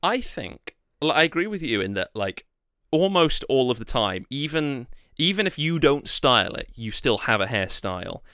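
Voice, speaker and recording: A man's voice: medium pitch, sing-song, normal speed, hardly any pauses, a bit bright, clear, resonant tone, no echo, clean studio sound. A young man co-hosting a casual podcast chat, rambling with many fillers and restarts. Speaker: podcast co-host.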